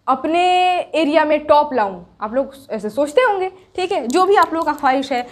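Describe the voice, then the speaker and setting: Woman teacher, high voice; grammar lesson full of self-answered questions and drawn-out, repeated example words. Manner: asks questions and answers them herself. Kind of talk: grammar lesson explained to students.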